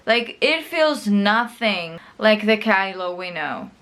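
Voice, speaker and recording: A young adult woman ranting in casual, sweary video commentary, sounding drunk, indignant and emphatic, with drawn-out words. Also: mid-range voice, expressive, fairly bright tone. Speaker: film fan giving a rant.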